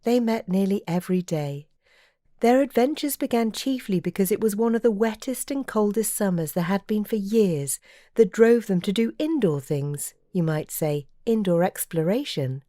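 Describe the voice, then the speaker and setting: Woman reading a storybook, mellow, dry close sound, gentle pace. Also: medium pitch, no room sound. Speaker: audiobook reader. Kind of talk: storybook narration.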